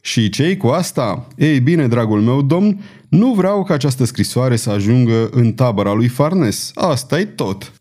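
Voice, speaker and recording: A composed male swordsman in an audiobook, calm and wry, voiced by a man reading aloud in a warm and mellow tone. Every word sounds measured and unhurried. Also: medium pitch, close to an everyday voice. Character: cool, witty male swordsman knight. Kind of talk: audiobook character voice.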